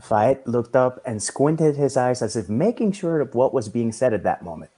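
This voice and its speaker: A man reading a story aloud in a measured storytelling manner. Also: medium pitch, big pitch swings, mellow, husky. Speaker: reader.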